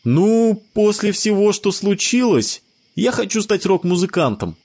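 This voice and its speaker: A man voicing an excitable, defensive ten-year-old boy with a whiny manner in an audio story. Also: high voice, unhurried, pitched above the performer's own voice, full character voice. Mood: stubborn.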